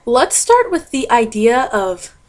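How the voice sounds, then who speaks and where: Taking it slowly, a young Maryland woman vlogs from a small bedroom, her slightly high voice very animated as she rants dramatically and pokes fun at herself. The audio comes from a webcam at her desk in Maryland, USA.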